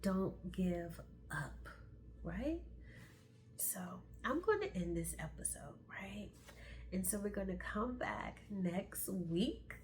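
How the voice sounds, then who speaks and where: A woman's voice: medium pitch, sing-song, darkish tone, slight background noise. A middle-aged woman hosting a motivational podcast, speaking candidly and encouraging her listeners. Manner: encouraging, candid, slow and emphatic. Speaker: podcast host.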